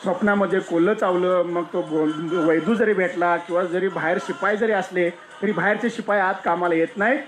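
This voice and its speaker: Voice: mid-range voice, fairly even intonation, normal speed, few pauses, slight background noise. A spiritual discourse speaker explaining teachings through a parable, often asking rhetorical questions and then answering them. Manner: explanatory, repeats key points.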